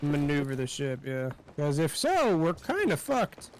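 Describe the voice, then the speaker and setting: A man's voice: on the high side, wildly swooping pitch, measured pace, darkish tone, a little hiss or hum. A young man casually commentating on a game as he streams, chatting with friends in a slangy, profane way. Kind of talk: casual gaming commentary and chat.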